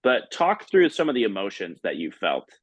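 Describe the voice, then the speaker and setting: A man's voice: fairly low pitch, huge pitch swings, moderate pace, husky, no echo. A man hosting an interview, chatty and upbeat. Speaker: host. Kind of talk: casual interview.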